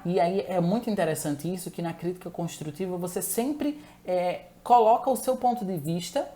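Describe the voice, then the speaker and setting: A woman with a mid-range, dark-toned voice gives a chatty live-streamed talk about relationships. She asks viewers to respond and frequently corrects herself mid-sentence.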